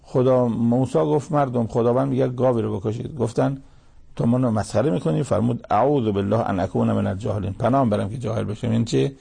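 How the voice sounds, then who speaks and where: A man delivers a sermon, explaining Quranic verses line by line. His voice is heavily gravelly and husky, with a dark, mellow color. He grows animated when he acts out quotes. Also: medium pitch. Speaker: preacher.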